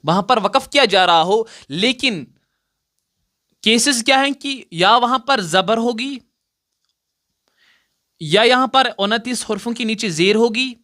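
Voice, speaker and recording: A man's voice: high-pitched, pushed and bright. A man teaching Quran recitation rules, patiently repeating each point and asking his students questions before answering them. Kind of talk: explaining recitation rules at a board.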